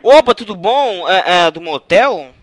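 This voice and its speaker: High animated man prank calling. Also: unhurried, no echo. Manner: teasing, mock-innocent, playful chanting. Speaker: prank caller. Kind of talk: prank call comedy.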